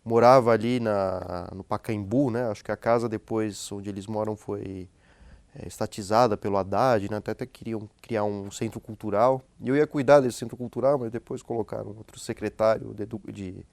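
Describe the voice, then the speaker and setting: A man speaking as a guest sociologist and professor, explaining in a relaxed conversational way, tagging his sentences with questions and often restarting them. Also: lowish voice, normal speed, vocal fry, no room sound. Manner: frequent tag questions and hesitant restarts.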